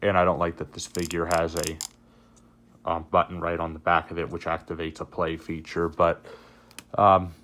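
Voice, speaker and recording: A man giving a casual, unscripted review as host, with halting, hesitant phrasing. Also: sits low, completely flat delivery, fairly bright tone, a little hiss or hum.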